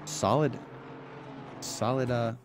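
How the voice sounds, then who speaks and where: Calling a sim race live, this motorsport commentator keeps things casual and full of banter. He speaks slowly in a medium-pitched, steady voice, with car engines and race ambience plainly audible in the background.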